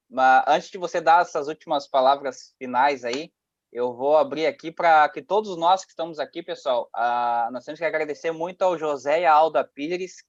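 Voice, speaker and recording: A man's voice: a little high, no room sound, dull audio. A man hosting an online meeting, thanking the speaker and opening the mic in a jovial way. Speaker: meeting host. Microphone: video call.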